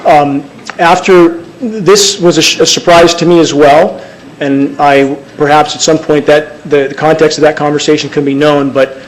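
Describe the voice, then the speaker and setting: Insistent higher-voiced man testifying. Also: steady tone, normal speed, low-quality recording. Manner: insistent, emphatic, stumbling restarts. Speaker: public speaker. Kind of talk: testimony at a public hearing. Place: crowded public meeting room.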